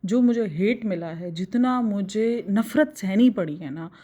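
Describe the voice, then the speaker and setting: A woman's voice: mid-range voice, measured pace, dark tone. A woman from Pakistan talking in a casual opinion vlog, arguing emphatically and answering her critics directly. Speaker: vlogger reviewing other vloggers.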